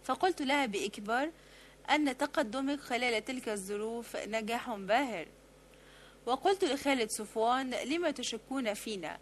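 A woman narrates a literary novel as an audiobook, her voice sitting a little high. She reads in a measured, steady manner, with a faint hum underneath. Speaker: audiobook reader.

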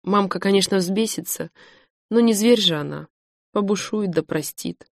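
A woman's voice: mid-range voice, moderate pace, vocal fry, no echo, clean studio sound, natural voice. A woman reading an audiobook, voicing a young woman in love who is tearful and stubborn, speaking emotionally and pleading. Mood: rueful. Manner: emotional, pleading, rising to outbursts.

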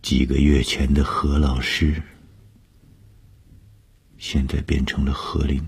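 A man narrating a first-person audiobook story, slow and often breathy, sometimes half-whispered. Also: a bass voice, little pitch movement, a little mellow.

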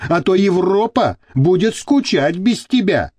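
A man's voice: high-pitched, lively intonation, a little slow, darkish tone, breathy edge, no room sound, voice pushed up, full character voice. A man reading a wry, teasing comrade in an audiobook.

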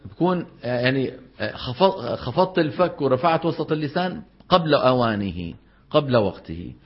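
A man teaching a classroom lesson on Quran recitation. He explains, quizzes his students and drawls example words slowly. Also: medium pitch, lively intonation, slightly rough, highs cut off.

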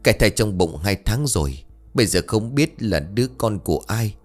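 A man's voice: on the low side, lively intonation, moderate pace, faint music behind. A man voicing a harsh middle-aged village stepmother who shrieks insults and wails. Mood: scolding.

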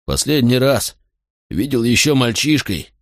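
A drunk Roman centurion from an audiobook, slurring slowly through tears and flaring into rage, played by a male narrator. The delivery drags, and the sound is close and dry. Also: mid-range voice, animated, no echo, voice pushed up, natural voice. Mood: drunk, tearful. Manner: slurred, slow and tearful. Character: drunk weepy Roman centurion, hot-tempered.

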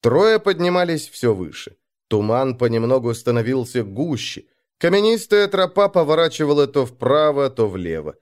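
Мужчина-чтец читает аудиокнигу выразительно и драматично. Голос средней высоты с очень живой, подвижной интонацией. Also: male voice, mid-range voice, sing-song, moderate pace. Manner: dramatic, varied intonation. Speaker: audiobook narrator. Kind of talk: expressive audiobook narration.

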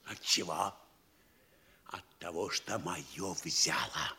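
This Russian comedy audio play features a man voicing a bullying, self-important small-town mayor who gloats and scolds, alternating sly quiet with bellowing. His voice sits low and carries a breathy edge, paced slowly and heavily acted.

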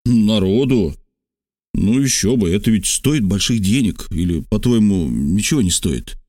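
A man's voice: lowish voice, lively intonation, a little slow, a little mellow, no room sound, clean studio sound. A man voicing a sly Roman secret police chief disguised as a stranger in a storybook reading, with a guarded, evasive manner.

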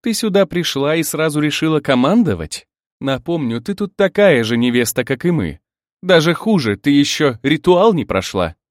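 Man putting on a rough scrappy young woman, sneering and threatening, lots of swing in the voice. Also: fairly high pitch, sing-song, moderate pace, no echo, clean studio sound, pitched above the performer's own voice. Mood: scornful, combative. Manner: blunt, scornful, threatening. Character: tough young woman bride, ex-soldier, quick to threaten.

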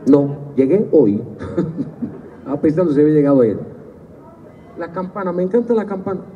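A man's voice: fairly high pitch, lively intonation, moderate pace, phone-quality sound, a little hiss or hum. Cuban man joking on a far, echoey stage. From Cuba. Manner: anecdotal, chuckles at his own punchlines. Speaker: singer telling stories on stage. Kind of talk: humorous live storytelling between songs. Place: concert stage at a festival. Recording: distant, hall-echoed, phone-thin live recording.

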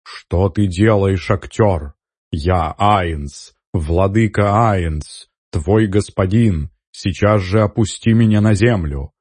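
An indignant skeleton overlord, put on by a man reading a story aloud, giving orders in a slow, emphatic way. The voice is deep and husky, with a dark tone. It sits in a dry, close recording. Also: dry recording, full character voice. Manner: outraged, commanding, slow and emphatic.

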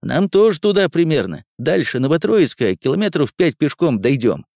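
A man's voice: on the high side, sing-song, normal speed, a little mellow, no room sound, clean studio sound, voice pushed up. Man doing a brash young scout sergeant. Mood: plain.

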